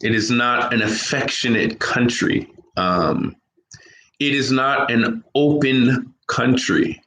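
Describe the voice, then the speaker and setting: An American man delivers an opinionated monologue to camera, hammering his points home by repeating phrases and stacking up single words. He speaks slowly and deliberately at a middling pitch. His voice bounces around a roomy, echoey space. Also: steady tone, bright, forceful tone, a little hiss or hum. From United States. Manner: emphatic, repeats key phrases, lists words one by one. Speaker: vlogger. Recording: roomy echo.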